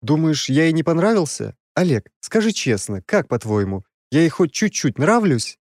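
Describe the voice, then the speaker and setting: A man's voice: on the high side, sing-song, moderate pace, darkish tone, no room sound, pitched above the performer's own voice. A naive, lovesick young prince, as a male reader puts him on, gushing in a raised, eager voice. The storybook recording is dry and close. He sounds wide-eyed and earnest.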